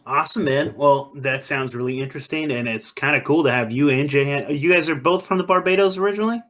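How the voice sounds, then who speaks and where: A man's voice: a little high, quick pace, fairly bright tone. A man hosting a casual podcast interview, laid-back and friendly, calling his guest man and dude. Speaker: podcast host.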